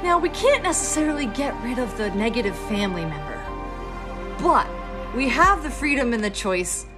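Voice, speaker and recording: A woman's voice: a little high, very animated, normal speed, loud music behind the voice. Upbeat Philadelphia woman in her thirties. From Pennsylvania, USA. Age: 30s. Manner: upbeat, encouraging, self-deprecating asides. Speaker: professional organizer. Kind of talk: instructional talk to camera.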